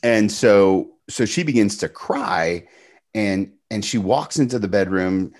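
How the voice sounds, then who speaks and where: A middle-aged man, a podcast guest, telling his faith story in an earnest, animated way with emphatic bursts. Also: on the low side, takes it slowly. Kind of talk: storytelling testimony.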